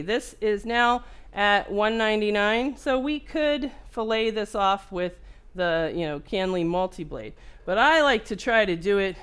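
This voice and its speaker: A chatty woman talks through a repair at her workbench in a casual tutorial. She moves easily between telling a personal story and explaining each step as she works, at a mid-range pitch for a woman. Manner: chatty, lively, jumps between story and narrating her work. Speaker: microsoldering repair technician and instructor.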